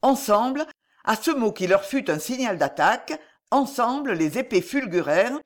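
An audiobook narrator reading a historical adventure novel aloud with expressive, dramatic narration. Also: mid-range voice, moderate pace.

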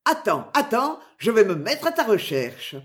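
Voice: mid-range voice, big pitch swings, unhurried, pitched above the performer's own voice. A reader voicing an angry, blustering middle-aged tinker who has been robbed, in an audiobook. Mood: outraged. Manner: loud, blustering, complaining. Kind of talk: audiobook character voice.

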